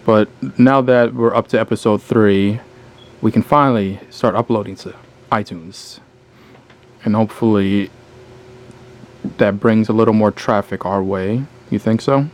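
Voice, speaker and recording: A man co-hosting a casual gaming podcast, talking in a low-key, dry and sarcastic way. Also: fairly even intonation, unhurried, long pauses. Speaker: podcast co-host.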